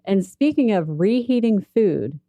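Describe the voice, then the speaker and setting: Mellow woman giving kitchen tips. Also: mid-range voice, big pitch swings, measured pace, no echo. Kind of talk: casual chat, explaining food safety.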